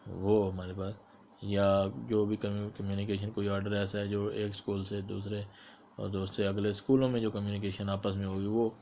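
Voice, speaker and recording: Low-voiced Pakistani man explaining exam answers. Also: level tone, warm tone, a little hiss or hum. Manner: explains step by step, mixing English terms into Urdu, reads questions aloud slowly. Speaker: teacher solving exam questions. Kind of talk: explanatory exam-prep lecture.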